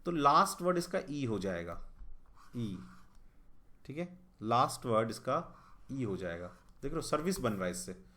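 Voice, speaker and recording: Man, exam coaching teacher, slow, spells out letters, reads questions aloud word by word. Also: mid-range voice, very animated, bright, forceful tone. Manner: checks in often, asks the students again and again if they follow; reads the English question text slowly, stretching the words. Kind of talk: explaining reasoning questions at a board.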